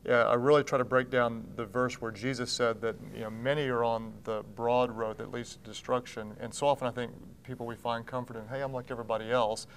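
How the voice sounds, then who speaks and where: Earnest pastor talking in a studio. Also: male voice, mid-range voice, flat delivery, a little fast, hardly any pauses, fairly bright tone, a little hiss or hum. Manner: earnest, gestures with both hands, many restarts. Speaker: pastor and church founder. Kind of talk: TV interview guest. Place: TV studio set with blue drapes.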